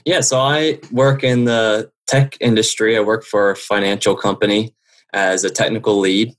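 A man guesting on a podcast, low-key, trailing off between thoughts. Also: steady tone, normal speed. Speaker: guest, tech lead. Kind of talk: casual interview.

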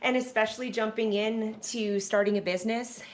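A woman's voice: fairly high pitch, steady tone, normal speed. A woman hosting a podcast, telling a candid story in an earnest, conversational way. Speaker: podcast host. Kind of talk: casual conversation. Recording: echoey room with faint hiss.

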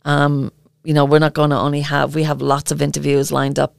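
A woman with an Irish accent co-hosting a podcast, talking earnestly and haltingly with many filler ums. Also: low-pitched, monotone, creaky, dry recording, studio quality. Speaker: podcast co-host. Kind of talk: casual podcast chat.

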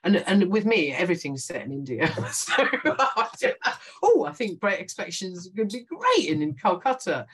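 Lively woman guest who laughs a lot. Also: on the low side, husky. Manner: animated, laughs often, quick asides. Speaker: playwright guest. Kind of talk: casual interview conversation.

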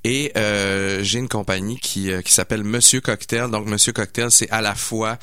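A guest mixologist from Quebec City, a man in his forties with a Québécois French accent, chats enthusiastically in a casual radio interview recorded dry on a studio microphone. His fairly low voice is bright, forceful, clear and resonant, with fairly even intonation at normal speed, and he uses many hesitant fillers.

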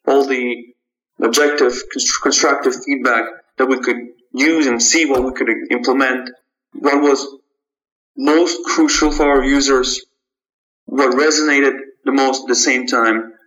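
Slow, halting man from Kazakhstan. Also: medium pitch, fairly even intonation, fairly bright tone, rough recording. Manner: halting, measured, frequent restarts. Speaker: startup founder, guest. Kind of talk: podcast interview answers.

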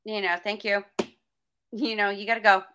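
A woman host with a bright, forceful voice comes through a video call that keeps breaking up. The bad line makes her sound robotic and pixelated. She talks in a lively, playful way. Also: medium pitch, moderate pace, slight background noise. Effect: robotic, pixelated glitchy connection. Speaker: podcast host. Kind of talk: casual video-call interview.

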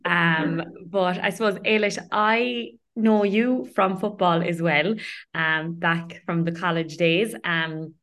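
Woman, Irish accent, podcast host. Lowish pitch, conversational interview delivery. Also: steady tone, slow, a bit bright. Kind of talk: casual interview hosting.

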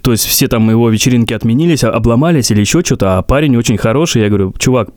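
A man's voice: medium pitch, very fast, dry recording, studio quality. Man in his thirties telling a story. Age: 30s. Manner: animated, laughs while telling stories. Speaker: podcast co-host. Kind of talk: casual storytelling chat.

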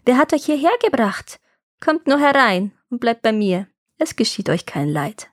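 A woman's voice: a little high, lively intonation, moderate pace. A woman voicing a wicked old witch. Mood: sweetly luring. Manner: gruff, scolding, bossy. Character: wicked old child-eating witch, cunning and harsh. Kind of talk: storybook reading.

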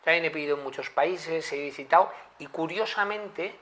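A man's voice: fairly high pitch, moderate pace, fairly bright tone. A man hosting a TV interview, eagerly prompting his guest with questions and remarks. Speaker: TV interview host.

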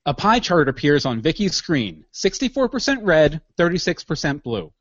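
A man's voice: on the high side, very animated, normal speed, no echo, muffled recording. A man narrating scene directions in a matter-of-fact way for an audio drama.

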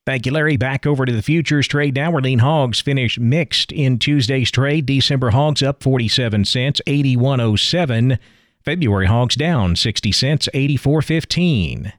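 A man reading a scripted farm market news report as a radio anchor, with measured broadcast delivery. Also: medium pitch, no room sound, clean studio sound.

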